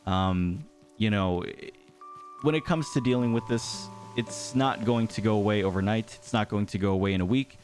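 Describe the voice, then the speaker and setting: A man's voice: fairly low pitch, moderate pace, darkish tone, faint music behind. A young man giving thoughtful, rambling advice in a casual talk over gameplay, with many fillers and restarts. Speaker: gaming YouTuber.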